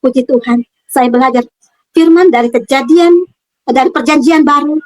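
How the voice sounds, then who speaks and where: A middle-aged woman giving a personal religious testimony in her own room, earnest and halting, repeating words and reaching for fillers. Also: high-pitched, darkish tone, no echo, rough recording.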